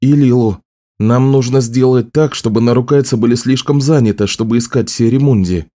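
A man's voice: medium pitch, normal speed, warm tone, natural voice. A man voicing a grim young fighter in an audiobook, speaking firmly and urgently. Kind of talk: audiobook role reading.

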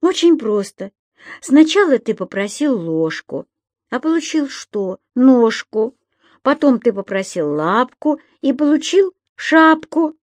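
A woman voicing a cheeky magical creature who explains things in a lively, knowing way. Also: high-pitched, takes it slowly, no room sound, pitched above the performer's own voice, heavily acted. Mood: playful.

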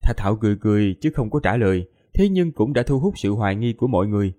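Mellow-voiced male audiobook narrator. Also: on the low side, fast talker. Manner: steady storytelling.

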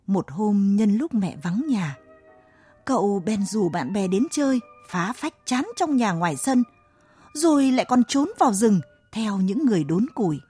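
Woman narrating a children's tale, slow and dramatic, warm husky tone. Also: mid-range voice. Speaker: storyteller. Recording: dry close mic, faint music behind.

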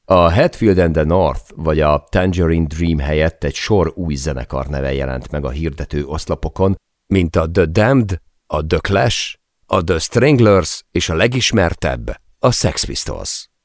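A man narrating a memoir audiobook as a steady, scripted storytelling reading. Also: extremely low pitch, no room sound, clean studio sound.

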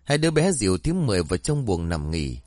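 Expressive male ghost story narrator. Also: low-pitched, fast talker, no room sound, studio quality.

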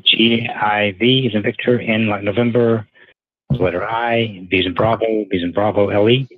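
A man's voice: fairly low pitch, fairly even intonation, normal speed, breathy edge, dry recording. Polite man on a tinny phone line. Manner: polite customer-service tone. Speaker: phone operator.

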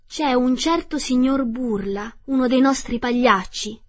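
A woman's voice: high-pitched, measured pace, pitched above the performer's own voice. Woman doing a fragile porcelain princess. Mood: anxious. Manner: frightened, pleading, then prim. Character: timid porcelain princess, young girl, fragile.

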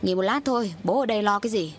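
A guilt-ridden middle-aged father from a horror audiobook, talking in soft, soothing reassurances that hide what he has done, as a woman reader puts him on. The voice sits at an ordinary, middle pitch and stays even. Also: very fast, slight background noise, close to an everyday voice. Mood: falsely reassuring.

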